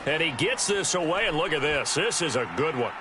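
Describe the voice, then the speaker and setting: A man acts as a polished American TV play-by-play announcer calling a football game, his projected broadcast delivery focused and lightly acted. His voice is on the high side, animated and fairly quick, with loud stadium noise behind him.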